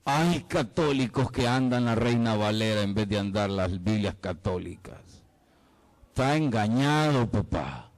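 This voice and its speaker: Man with a very lively pitch. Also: measured pace, poor audio. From El Salvador. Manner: dramatic, playful, asks the listener questions. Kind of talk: lively apologetics talk.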